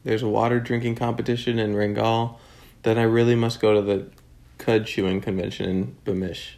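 A man's voice: lowish voice, level tone, moderate pace, darkish tone, lightly acted. A man doing a grumbling old camel. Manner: complaining, fussy, theatrical. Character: grumbling old male camel, lazy and self-pitying.

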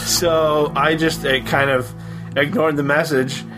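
A man co-hosting a podcast in casual chat, chatty and quick to laugh, with many ums and uhs. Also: fairly high pitch, level tone, over music. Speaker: podcast co-host.

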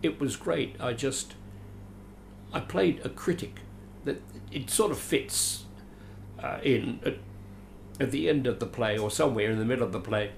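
In a conversational interview, an older Australian actor from Adelaide rambles through his memories with dry, self-deprecating wit. He speaks at a medium pitch and moderate pace in a gravelly voice, over a little hiss or hum.

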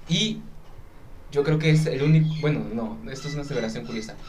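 A man's voice: on the high side, fast talker, a little mellow, a little hiss or hum. A man, co-hosting a podcast in casual chat, explaining ideas step by step and building arguments. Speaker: podcast co-host.

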